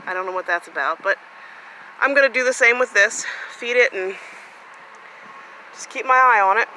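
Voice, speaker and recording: Chatty woman gardener, bright voice. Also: on the high side, normal speed, slight background noise, rough recording. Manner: chatty and rambling, with fillers. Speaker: gardening vlogger. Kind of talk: casual walk-through vlog. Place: outdoors in a sunny home garden.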